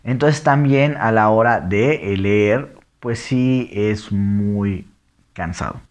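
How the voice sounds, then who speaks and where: Slow-talking man teaching. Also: lowish voice. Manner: explanatory, reads examples aloud slowly then fast. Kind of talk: lecture on diction.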